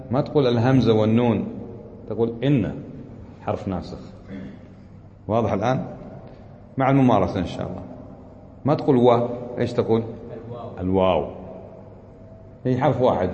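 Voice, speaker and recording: A man with a lowish voice leads a classroom grammar lesson. He patiently drills the rules over and over and puts questions to his students. A faint hiss sits under his voice. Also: a little mellow, lo-fi sound. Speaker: teacher of Arabic grammar.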